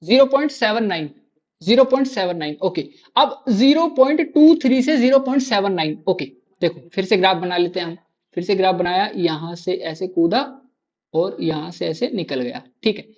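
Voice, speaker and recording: A man's voice: high-pitched, animated, normal speed, darkish tone. A male maths teacher runs a live online class, firing questions at his students and repeating each answer to drive it home. His voice comes through a dull, lo-fi recording. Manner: quizzes students with constant rhetorical questions; repeats key answers to drill them in.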